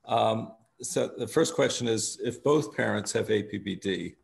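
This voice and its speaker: A man's voice: fairly low pitch, measured pace, creaky. A man politely asking careful questions during a patient video call.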